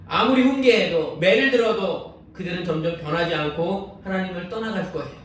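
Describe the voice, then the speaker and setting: A man's voice: high voice, a little hiss or hum. A man preaching a sermon as pastor, earnest and pleading, acting out prayers as he speaks. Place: church sanctuary. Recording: echoey church hall, distant mic.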